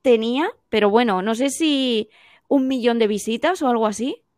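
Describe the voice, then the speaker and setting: Woman, higher voice, dry close sound; animated teacher giving advice as a podcast guest. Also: dry recording. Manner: animated, explaining with quick examples. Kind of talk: casual podcast conversation.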